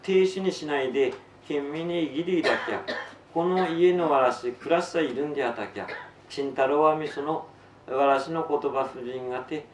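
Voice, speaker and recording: A man with a Tsugaru dialect reads his own story aloud in a steady, unhurried storytelling cadence. His voice sits at an ordinary middle pitch and comes from a distance in a roomy space, with a faint ambient hum behind him. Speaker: author reading his own novel. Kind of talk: reading fiction aloud to an audience.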